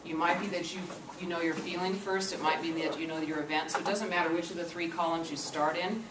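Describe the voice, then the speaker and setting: Talking fast in a deep voice, a woman leads an interactive workshop lecture, gently coaxing listeners and often checking understanding with "okay?". She's recorded from afar on a camcorder in a classroom or meeting room, giving echo and constant background noise.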